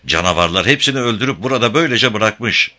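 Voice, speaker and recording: A spirited, tender young pioneer woman speaks in a lightly raised, feminine lilt, voiced by a male narrator. She sits in a storybook read aloud, her tone bright and sharp. Her delivery swings widely in pitch. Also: animated, fast talker. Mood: hushed.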